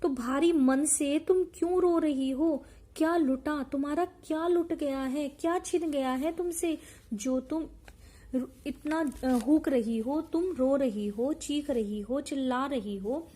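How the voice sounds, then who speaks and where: A woman teacher explaining a poem line by line, reciting each verse with emphasis before slowly explaining its meaning. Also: high-pitched, mellow. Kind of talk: explaining a Hindi poem to students.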